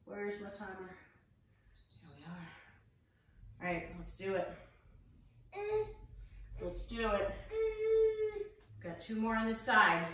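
A woman's voice: medium pitch, steady tone, slow, pauses often, bright, forceful tone. A woman leading a home workout, out of breath, chatty and encouraging while her child interrupts. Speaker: fitness instructor. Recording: echoey room, distant mic, faint noise.

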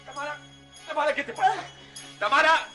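An actor playing an exasperated, urgent husband in a soap opera. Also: male voice, extremely high pitch, animated, a little fast, sharp tone, faint music behind, full character voice. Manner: urgent, emphatic. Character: exasperated husband trying to control his wife.

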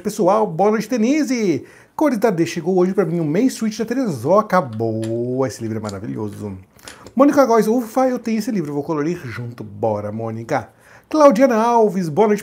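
Guy reading off live chat, greeting everyone, lively up and down voice. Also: high voice, creaky, breathy edge. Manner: reads viewer comments aloud and greets them by name. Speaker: livestream co-host reading chat. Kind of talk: casual livestream chat.

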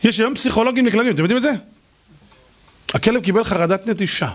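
A rabbi giving a humorous lecture, telling animated stories and acting out their dialogue. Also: male voice, high voice. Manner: animated storytelling with acted-out dialogue.

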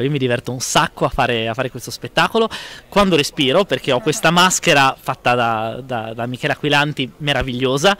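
Smiling man in his thirties, animated talker. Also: on the high side. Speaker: stage actor being interviewed. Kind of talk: casual promotional interview.

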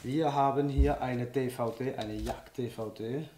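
Seated at a wooden table and talking to the camera, a man in his 30s who vlogs about outdoor and shooting sports unboxes gear in a casual, excitable way, chatting and laughing often. A cold has left his mid-range voice a bit hoarse, and he speaks at a measured pace. The indoor room echoes, with faint background noise.

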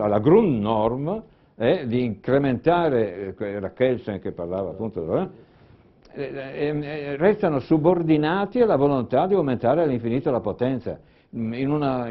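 Male panelist, low voice, measured lecturing style with restarts, dull lo-fi conference audio. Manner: deliberate, restarts and repeats words. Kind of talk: conference talk.

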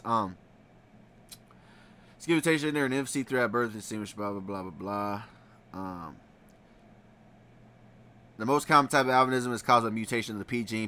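A man's voice: mid-range voice, pushed and bright, clean tone. A man reading web search results aloud and commenting on them in a casual way, often adding "right?" after his points. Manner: reads aloud, then comments with frequent "right?". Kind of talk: casual screen-share commentary.

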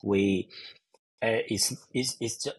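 A man in his thirties explaining ideas haltingly in an online interview, often repeating words. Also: lowish voice, steady tone, slightly rough. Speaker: researcher guest. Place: indoors, book-lined room. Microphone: earbuds on a video call.

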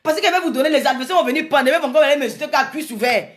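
A woman speaks in a high voice, delivering a fervent live monologue to her viewers. She hammers her points home by repeating words and phrases, and stops to greet commenters by name. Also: very fast. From Cameroon. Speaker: live streamer talking to viewers.

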